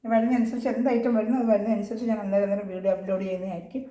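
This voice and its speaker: A woman from Kerala, an online clothing seller, chatting through a casual product showcase at home, speaking as loudly as she can and checking in with listeners again and again. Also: mid-range voice, fairly even intonation, rapid-fire, reverberant. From Kerala, India. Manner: chatty, reassuring, repeats tag questions.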